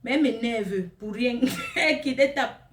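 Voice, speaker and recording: A woman doing a comic monologue, gossiping and exclaiming in a lively, animated way. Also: fairly high pitch, moderate pace, reverberant, far from the mic, a little hiss or hum.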